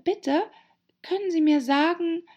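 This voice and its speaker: A woman's voice: sits high, sing-song, a little slow, gravelly, a little mellow, husky, voice pushed up, exaggerated voice. A woman voicing a polite, somewhat timid little girl in an audiobook, courteous and eager to explain things. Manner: shy and polite, eager to show off knowledge. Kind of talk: audiobook character voice.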